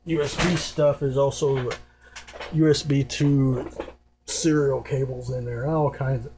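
Taking his time, a man with a mellow, medium-pitched voice and little pitch movement gives informal, hands-on advice on radio gear from a table indoors. The explanation is unscripted, rambling and matter-of-fact, captured in a noisy home recording with clear hum and noise.

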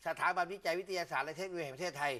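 A man's voice: on the high side, rapid-fire, sharp tone. A male host opening a legal call-in segment and promoting a product. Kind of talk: TV segment hosting with product plug.

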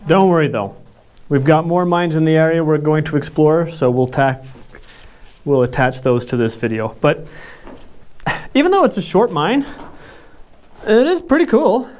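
A man in his thirties talking casually to camera with a lapel mic while exploring abandoned mines outdoors, easygoing and quick to exclaim. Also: on the high side, lively intonation, a little mellow. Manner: enthusiastic, easygoing, exclaims often. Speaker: mine explorer vlogger. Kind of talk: casual outdoor vlog narration. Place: outdoors in desert hills and mine tunnels.

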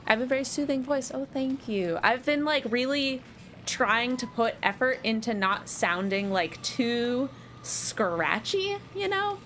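Expressive and on the high side, this woman's voice is a little slow and fairly bright, with slight background noise. She's a streamer in her twenties, gaming at home and chatting with her chat in a self-deprecating way, leaning on plenty of fillers.

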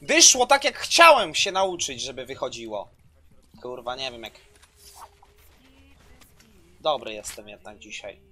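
A man in his twenties streaming a game live, loud and excitable, swearing and throwing in English phrases, on a headset in a small room. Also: mid-range voice, unhurried, long pauses, a little hiss or hum. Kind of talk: live gameplay commentary.

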